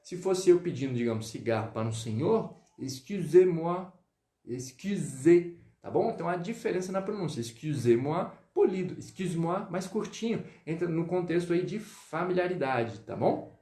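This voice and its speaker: A man teaching French in a live online lesson, greeting viewers and drilling pronunciation slowly. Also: fairly high pitch, big pitch swings, warm tone, reverberant. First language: Portuguese.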